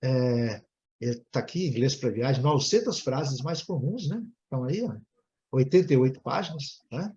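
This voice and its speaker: This online English lesson comes from a Brazilian Portuguese speaker who gives long explanations, ending nearly each phrase with a brisk "né?". He has a mid-range, slightly mellow voice with lively intonation, heard through muffled audio.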